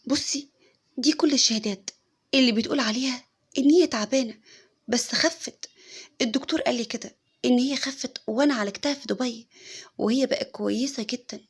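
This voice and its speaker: A woman with an Egyptian accent narrates a dramatic first-person story. Her voice is high and breathy, and she talks fast. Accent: Egyptian Arabic.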